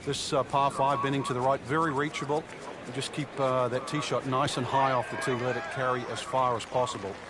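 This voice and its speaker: A man's voice: medium pitch, level tone, brisk, lightly acted. A man playing an easygoing television golf commentator, giving conversational analysis for a video game. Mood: relaxed analysis. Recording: loud outdoor ambience noise.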